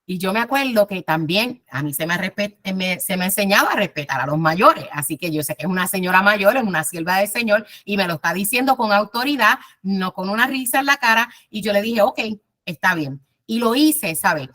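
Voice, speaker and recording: A woman teaching a Bible class in a conversational way, telling personal stories, speaking directly to her listeners and pausing often with "eh". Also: medium pitch, animated. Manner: warm storytelling, addresses listeners directly, frequent "eh" pauses.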